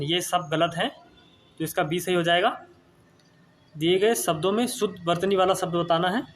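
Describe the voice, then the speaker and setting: A man's voice: sits high, fairly bright tone, slight background noise. A man teaching an exam-prep spelling lesson, repeating each word and checking in with his students after every answer. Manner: repeats words, asks and answers, tag "ठीक है ना".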